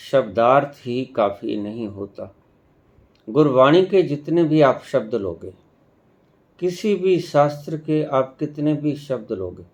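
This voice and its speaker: A man giving a devotional discourse as a spiritual teacher, speaking in a measured way with long pauses and emphatic stresses. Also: mid-range voice, a little mellow.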